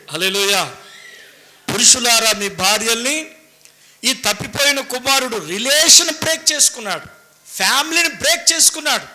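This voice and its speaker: A lilting male pastor delivers his sermon in a very bright, high, cutting voice. He pounds his points with repeated phrases and drops to hushed asides before climbing again.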